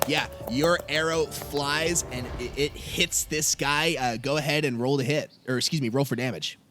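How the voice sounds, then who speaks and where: A man's voice: mid-range voice, fairly even intonation, normal speed, bright, forceful tone, soft background music. A man narrating as game master of a tabletop role-playing game, hesitating often with ums and uhs.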